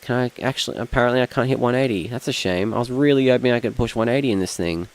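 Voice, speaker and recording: A young Australian streamer with a medium-pitched voice talks fast while playing a racing game. He rambles casually and thinks aloud, frequently trailing off mid-sentence.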